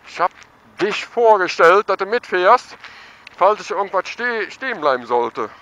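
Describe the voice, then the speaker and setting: A middle-aged man giving casual, excited running commentary while riding a motorcycle through town. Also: high voice, normal speed, a little hiss or hum. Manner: chatty and excited, thinking aloud. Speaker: motovlogger. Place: outdoors on a motorcycle in town traffic.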